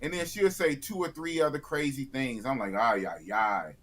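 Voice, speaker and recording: A man's voice: medium pitch, moderate pace, a bit bright, slight background noise. A man of fifty, a YouTuber guest in a casual live interview, blunt and opinionated, often repeating himself. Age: 50s.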